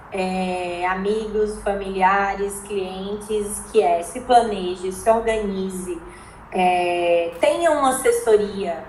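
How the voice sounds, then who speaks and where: A woman's voice: medium pitch, a little mellow. A woman with a Brazilian Portuguese accent, speaking as an interview guest in a casual, conversational storytelling way. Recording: echoey room with faint background noise.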